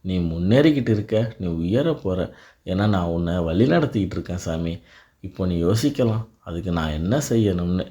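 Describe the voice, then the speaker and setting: A man delivering a devotional blessing in a calm, reassuring voice, speaking directly to the listener. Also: low voice, fairly quick. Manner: calm, reassuring second-person address. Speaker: devotional narrator.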